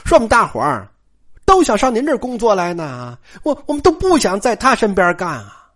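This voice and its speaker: A man's voice: high voice, full character voice. A man doing a glib gossiping young servant. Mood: gossipy. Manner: chatty and flattering, talks fast.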